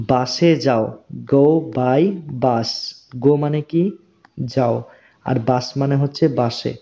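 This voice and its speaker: A man teaching spoken English as a lesson, slowly repeating each phrase and explaining it word by word. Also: medium pitch, dark tone. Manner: slow, deliberate repetition of phrases with word-by-word explanation. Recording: dull, lo-fi recording.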